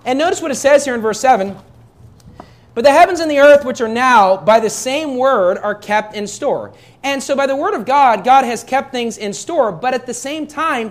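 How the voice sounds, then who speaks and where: A young adult pastor preaching a sermon in a church, talking conversationally and asking his listeners rhetorical questions. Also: very high voice.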